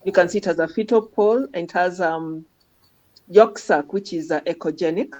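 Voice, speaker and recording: A woman on the low side of the pitch range, slightly mellow and at a moderate pace, talks a trainee through scan images as a radiology teacher. Her informal commentary is sprinkled with questioning tags like "huh?" It's captured in dull lo-fi sound.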